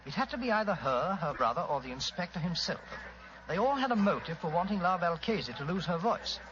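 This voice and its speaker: Blustery high-voiced English Doctor Watson. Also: male voice, animated, fairly quick. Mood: puzzled. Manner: blustering, bumbling. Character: blustery, bewildered English doctor, loyal detective's sidekick. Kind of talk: old-time radio drama acting. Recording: muffled, noisy old radio recording.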